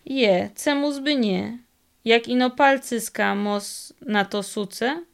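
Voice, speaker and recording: A woman voicing a cunning old highland fiddler who speaks in a slow, drawling Podhale dialect. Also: gravelly. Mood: sly. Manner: slow, drawling folksy speech.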